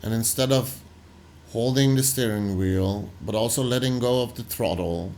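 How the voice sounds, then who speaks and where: A man hosting a reaction video, talking loosely and haltingly over footage he is watching. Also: medium pitch, a little mellow, slight background noise. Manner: loose, halting, full of "like" and restarts. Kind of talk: casual commentary over footage.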